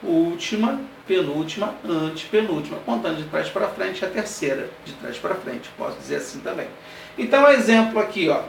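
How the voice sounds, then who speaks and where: A man teaching an exam-prep grammar lesson, explaining step by step, checking in with his students and spelling out examples slowly. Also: high voice, gravelly, a bit bright. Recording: roomy classroom sound, heard from a distance, light background noise.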